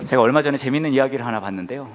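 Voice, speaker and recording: A man preaching a sermon as a pastor, telling a story in an animated, conversational way. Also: medium pitch, racing, a little hiss or hum.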